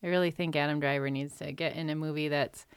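Smooth, low-voiced woman chatting about films. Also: fairly even intonation, quick pace, no echo, studio quality. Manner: chatty, laughs easily. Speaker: podcast co-host. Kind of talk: casual film chat.

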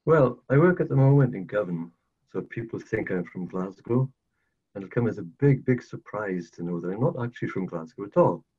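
A man's voice: on the low side, animated, a little fast, mellow, husky. An older man from South Wales with a Welsh accent, a podcast guest telling his life story earnestly, repeating phrases for emphasis. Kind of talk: casual storytelling interview. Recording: dull lo-fi audio.

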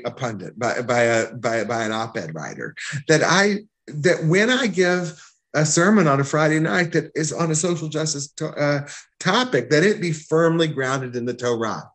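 A man's voice: on the high side, a bit bright. A man who is a rabbi, answering interview questions in a thoughtful way, often repeating words as he gathers his thoughts.

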